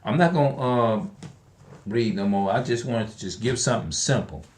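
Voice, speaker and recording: A man's voice: medium pitch, lively intonation, moderate pace, noisy background. A man in his forties speaking in an unscripted monologue, emphatic and repetitive, often restarting his sentences and asking rhetorical questions. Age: 40s. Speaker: online video speaker.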